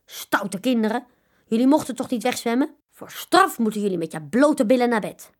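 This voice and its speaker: A woman voicing a little boy who pretends to be a stern father fish in a children's story, loud and high. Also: lively intonation, normal speed. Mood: mock-angry.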